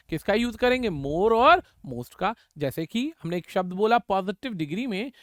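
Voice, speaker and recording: Male grammar tutor, high voice, repeats drill words for students, dry booth sound. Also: dry recording. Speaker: English grammar teacher. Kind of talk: exam-prep grammar lesson.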